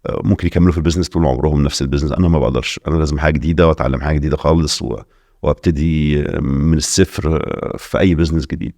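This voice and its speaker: A middle-aged Egyptian man with an extremely low, deep voice races through his answers as a podcast guest, slipping English phrases in along the way. His voice is recorded close and dry, with no room sound at all. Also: steady tone, warm tone, no echo. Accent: Egyptian Arabic. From Alexandria, Egypt. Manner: rapid talk mixing in English phrases. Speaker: investor guest. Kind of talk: casual podcast interview.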